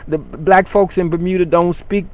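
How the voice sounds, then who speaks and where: A man's voice: high-pitched, steady tone, normal speed, rough recording. A man teaching students in an online class, talking off the cuff with many fillers and restarts.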